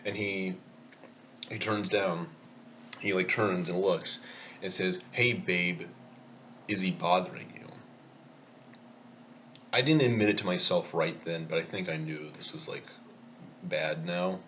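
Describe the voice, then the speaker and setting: Low-voiced man rambling through a story. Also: measured pace, pauses often, a bit bright, lo-fi sound, a little hiss or hum. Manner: rambling, self-mocking anecdote with chuckles. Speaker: vlogger. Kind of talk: casual storytelling while eating.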